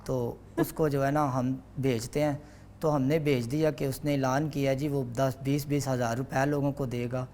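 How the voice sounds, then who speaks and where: A man's voice: medium pitch, little pitch movement, darkish tone, a little hiss or hum. Easygoing young male mimic. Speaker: guest mimic. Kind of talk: casual interview chat.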